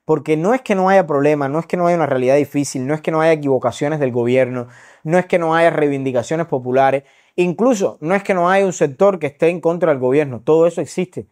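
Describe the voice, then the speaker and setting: A man's voice: a little high, quick pace, darkish tone. A young Cuban man with a Cuban Spanish accent, a journalist giving earnest, argumentative interview answers and often checking in with tag questions. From Cuba. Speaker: journalist and social media commentator.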